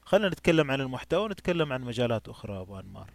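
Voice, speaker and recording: Brisk host with a gravelly voice. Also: male voice, medium pitch, very animated, no echo. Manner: brisk, guiding, with short backchannels. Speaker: podcast host. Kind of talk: hosting an interview.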